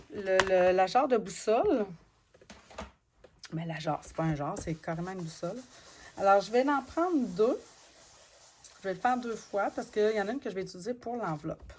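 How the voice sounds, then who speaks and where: A woman with a Québécois French accent teaching card making, murmuring half to herself as she works and slipping into soft asides. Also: medium pitch, a little hiss or hum. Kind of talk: crafting tutorial narration.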